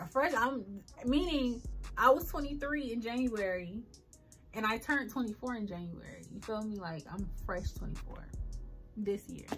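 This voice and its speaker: A woman's voice: medium pitch, a bit bright. A woman of twenty-four, chatting casually and rambling with lots of ums and likes while getting ready on camera. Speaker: beauty vlogger. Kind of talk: casual get-ready-with-me chat.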